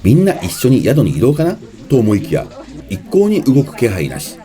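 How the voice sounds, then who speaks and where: A man's voice: medium pitch, wildly swooping pitch, normal speed, dark tone. A man narrating a travel vlog in a punchy variety-show voiceover style, with dramatic, suspenseful phrasing. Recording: music behind the voice-over. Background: background music.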